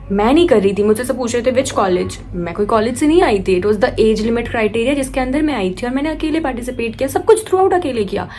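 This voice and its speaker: A young woman vlogger telling a personal story in a lively, animated way, switching between Hindi and English and acting out her own quoted lines. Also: fairly high pitch. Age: young adult. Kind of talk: casual storytelling vlog.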